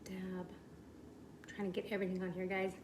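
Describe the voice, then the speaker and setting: Woman, cooking show host, chatty, enthusiastic, medium pitch, home kitchen, noticeable background noise. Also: completely flat delivery, normal speed. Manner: chatty, enthusiastic, addresses viewers as "you guys". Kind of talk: casual cooking demonstration.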